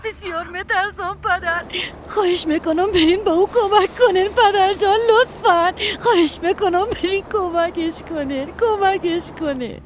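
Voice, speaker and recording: A high, tearful young woman in a dubbed drama, stammering and begging. A faint noise sits under her voice. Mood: panicked pleading. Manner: trembling, stammering pleas. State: crying. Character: frightened young woman, guilt-ridden daughter.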